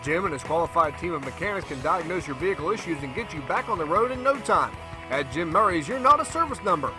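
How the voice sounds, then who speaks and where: A man's voice: a little high, expressive, quick pace, music in the background. A man reading local business commercials with an upbeat, salesy delivery. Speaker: commercial announcer. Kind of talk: read local radio ad.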